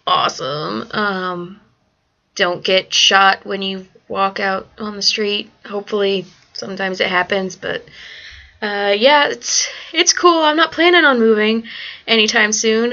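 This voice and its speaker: A woman's voice: medium pitch, fairly even intonation, measured pace, pushed and bright, muffled recording. A young woman rambling through a survey in a casual vlog, cursing often, blunt and ranty, with lots of "like" fillers, groggy late at night. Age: young adult. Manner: valley-girl fillers like "like". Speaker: vlogger answering a survey.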